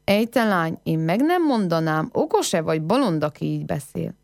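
A woman's voice: on the low side, sing-song, gravelly, darkish tone, dry recording, clean studio sound. A woman voicing a discharged soldier, a plain-spoken man who asks blunt questions.

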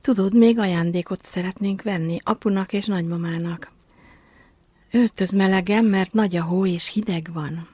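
A caring mother, as a woman reads her in a storybook, talking gently and calmly to her child. The voice sits close to the reader's own. The sound is dry and near. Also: mid-range voice, breathy edge, no room sound, lightly acted. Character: caring mother, warm and calm.

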